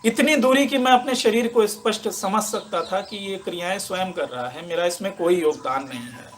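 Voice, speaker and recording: A man giving a personal spiritual testimony as a meditation teacher, speaking slowly and reflectively with many pauses, moved to tears at times. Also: high-pitched, slight background noise. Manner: slow, reflective and emotional, with many pauses and fillers.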